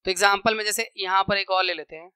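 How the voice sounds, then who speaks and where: A man's voice: sits high, steady tone, quick pace, pushed and bright, smooth, no room sound. A man teaching a maths lesson to schoolchildren, explaining step by step, counting numbers aloud and checking in often.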